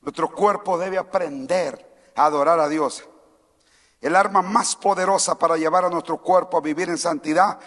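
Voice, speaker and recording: A male pastor preaching a sermon, moving between calm teaching and shouted calls to move and praise. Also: high-pitched, in a large hall. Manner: swings from quiet teaching to shouted exhortation; mimics timid churchgoers in a small mocking voice. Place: church sanctuary.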